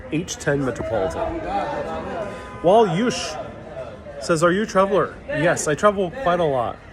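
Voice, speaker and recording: A slightly high-voiced man with wide pitch swings talks a bit slowly, livestreaming on his phone from a busy New York City street over the chatter of the crowd. The travel streamer is relaxed and jokey, reading viewer comments aloud in a casual Q&A and thinking out loud with plenty of fillers.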